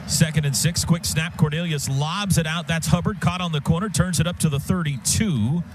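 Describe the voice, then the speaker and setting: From the stadium radio booth, an American man calls the football game live in short, present-tense bursts. His voice is a little high and moves at normal speed, with background noise and loud stadium sound audible throughout the broadcast.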